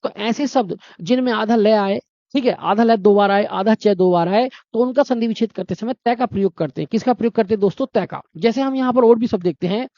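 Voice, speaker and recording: A man's voice: high voice, brisk, mellow, no echo, dull audio. A male teacher explaining a grammar lesson, repeating key points and quizzing his listeners.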